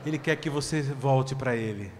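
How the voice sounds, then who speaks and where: A man preaching a sermon as pastor, swinging from loud, stretched shouts to low, quick asides. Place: church hall. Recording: long church reverb, faint background noise.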